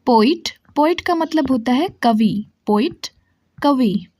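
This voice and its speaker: A woman teaching English vocabulary, saying each word and its meaning slowly and repeating both. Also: sits high, animated, a little mellow, dry recording. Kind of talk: slow word-by-word vocabulary drill.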